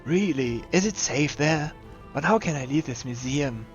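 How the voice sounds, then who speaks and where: A man's voice: on the high side, lively intonation, normal speed, natural voice. A man voicing a confused old male museum custodian who rambles through wandering questions, over faint game music in a slightly dull recording. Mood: rambling.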